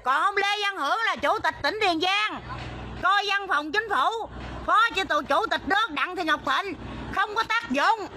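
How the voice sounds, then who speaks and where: High, bright, agitated Southern Vietnamese woman. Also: measured pace, slight background noise. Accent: Southern Vietnamese, Mekong Delta. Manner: agitated, pleading, repeats "there" to point things out. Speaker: protester livestreaming a land dispute. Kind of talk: impassioned livestream appeal. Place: outdoors by a road near a school.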